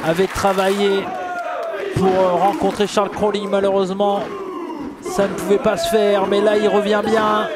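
High-pitched excited male wrestling commentator. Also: moderate pace. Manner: exclamatory, calling moves as they happen. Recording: loud crowd noise throughout. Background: roaring live wrestling crowd.

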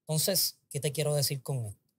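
A man's voice: on the high side, fairly even intonation, fairly quick, a little hiss or hum. A man, a podcast guest, telling an emotional story and acting out his own inner voice.

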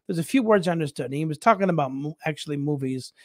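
This native English speaker is a missionary preacher whose voice runs a little high and fast. Appearing on a talk show, he spins an animated, wandering tale, frequently laughing and starting sentences over, captured in dry, studio-quality sound.

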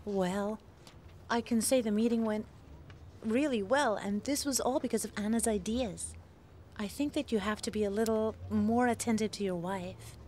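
An actress dubbing a frank colleague giving earnest advice. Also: female voice, mid-range voice, normal speed, a little mellow, a little hiss or hum, lightly acted. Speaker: dub actor. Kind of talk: drama dub.

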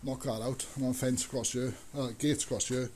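Outdoors in his farmyard and cow shed, a man records a casual walk-through vlog on a body-worn action camera, rambling plainly while showing his work. His medium-pitched voice is flat, a little mellow and slightly fast. There's a bit of hiss or hum.

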